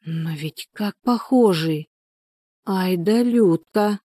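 A woman's voice: medium pitch, normal speed, warm tone, no echo, clean studio sound, natural voice. A woman reading a storybook, voicing a nosy, easily flustered village shop saleswoman.

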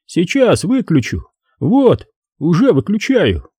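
A man voicing a shaken male submarine pilot who speaks in a forced, soothing calm in an audiobook. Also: sits high, takes it slowly, slightly rough, no room sound, pitched above the performer's own voice, heavily acted.

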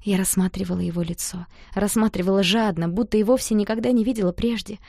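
A woman reading a first-person romance novel aloud in an expressive, intimate way. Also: medium pitch, fast talker, gravelly, dry recording, clean studio sound. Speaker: audiobook narrator.

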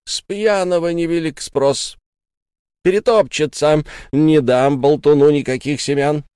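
A sharp-tongued young wife from a storybook, scolding in a high, forceful voice, put on by a man. Her lines come out loud, shrill and animated. The recording is close and dry. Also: normal speed, no room sound. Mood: angry scolding.

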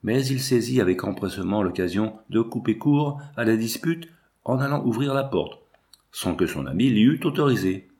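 A man reading a classic novel aloud as an audiobook narrator, steady and measured. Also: on the low side. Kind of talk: scripted narration.

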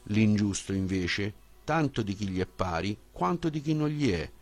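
Reading a philosophical dialogue for an audiobook, this man has a very low, deep voice with lively intonation. He sets out each point carefully in a measured, questioning way.

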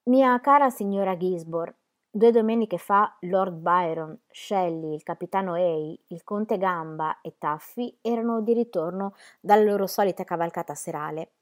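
Expressive woman reading letters aloud. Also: fairly low pitch. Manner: measured, expressive storytelling. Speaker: reader.

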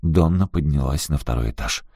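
A man narrating an audiobook in a measured, even reading. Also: a bass voice, no room sound, studio quality.

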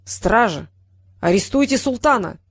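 A woman's voice: on the high side, a little fast, dry recording, clean studio sound. A woman reading an audiobook, voicing a scheming, haughty court vizier with a mocking, condescending tone. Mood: furious.

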